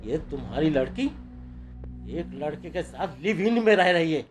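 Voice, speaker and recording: An actor playing a strict, traditional middle-aged father who scolds his daughter and rises to shouting. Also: on the high side, animated, moderate pace, faint music behind, close to an everyday voice. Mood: scolding.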